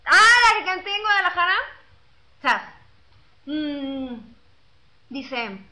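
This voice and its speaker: Young Mexican woman, webcam chat host; bright, unhurried, slangy delivery. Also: sits high, animated. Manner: chatty, slangy, reads out fan messages. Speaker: singer chatting with fans. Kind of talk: casual webcam chat, telling jokes and singing. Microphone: webcam mic.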